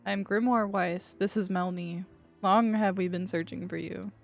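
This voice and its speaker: A woman's voice: mid-range voice, steady tone, normal speed, gravelly, faint music behind, lightly acted. A woman reading as a formal talking book. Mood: solemn. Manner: archaic, formal read-aloud phrasing.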